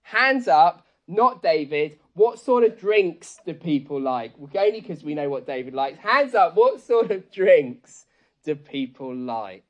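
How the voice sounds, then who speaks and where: A woman's voice: deep voice, sing-song, a little slow, lo-fi sound. A woman leading an interactive children's talk at church, with playful patter like a kids party magician and chatty asides. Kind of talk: interactive family sermon with magic-trick demonstration.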